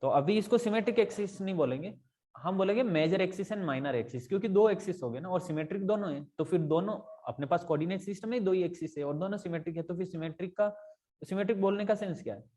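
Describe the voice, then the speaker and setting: A man's voice: high-pitched, fast, mellow. A male math tutor explaining step by step in a casual tutoring lesson, often checking whether his students follow and mixing in English math terms.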